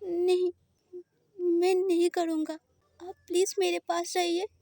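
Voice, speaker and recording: A woman's voice: extremely high pitch, little pitch movement, slow pace, creaky, dark tone, dry recording, voice pushed up, exaggerated voice. A woman voicing a frightened, tearful young woman who pleads in a crying voice. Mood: tearful, pleading. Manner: sobbing, pleading voice.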